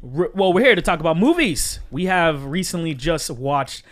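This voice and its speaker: A male podcast host with a high, bright voice. He chats casually and jokes along, rambling a little between points. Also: lively intonation, moderate pace. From Puerto Rican background. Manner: jokey, rambling conversational.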